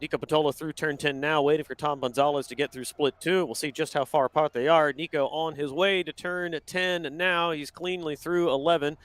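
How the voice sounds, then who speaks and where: A man calling laps as a sim racing commentator, giving steady play-by-play and often correcting himself. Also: a little high.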